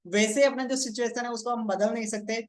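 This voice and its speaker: A man's voice: extremely high pitch, steady tone. A man giving a live online motivational lesson, repeating himself and often checking in with the audience and asking them questions. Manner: keeps checking in with "ठीक है" and quizzing listeners; repeats phrases, explains slowly step by step. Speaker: motivational coach.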